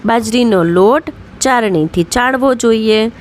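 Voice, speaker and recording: A woman's voice: on the high side, a little slow. A woman teacher, reading out workbook questions and then giving each answer. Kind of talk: slow explanatory workbook lesson.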